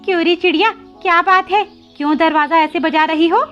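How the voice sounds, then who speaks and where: A woman's voice: sits high, moderate pace, a bit bright, highs cut off, faint music behind, pitched above the performer's own voice. Woman voicing a bossy scheming crow wife. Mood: scornful. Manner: harsh, bossy and dismissive. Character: scheming greedy female crow, sister-in-law.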